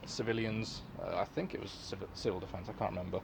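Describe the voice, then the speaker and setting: A man's voice: low voice, steady tone, fast talker, vocal fry, noisy background. A man giving a casual, unscripted product review in a rambling, offhand, sweary way. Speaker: collector and reseller reviewing gas masks.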